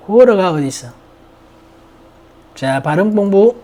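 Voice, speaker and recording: An unhurried grammar teacher works through a vocabulary list, saying each English word several times before explaining it. The voice swings widely up and down, and the teacher keeps posing and answering their own questions. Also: mid-range voice, expressive, mellow. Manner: drills words by repeating them, asks and answers own questions; mixes English words into slow explanations.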